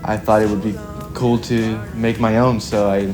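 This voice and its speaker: With music in the background, a low-voiced young man from Chile answers interview questions casually. The musician's delivery is flat, reflective, and halting, peppered with "like" and "kinda."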